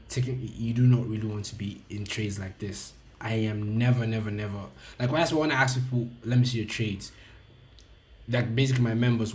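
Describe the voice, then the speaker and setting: A man's voice: on the low side, darkish tone, slight background noise. A man teaching forex trading in a loose, conversational trade review, full of fillers and restarts. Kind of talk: casual screen-recorded trade review.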